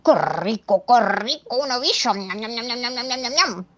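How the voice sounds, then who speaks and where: A woman's voice: fairly high pitch, lively intonation, normal speed, background noise, voice pushed up, close to an everyday voice. Woman putting on a gleeful chomping monster. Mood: gleeful munching. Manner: gleeful, smacking munching noises. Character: greedy hungry monster that chews everything. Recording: dull lo-fi recording.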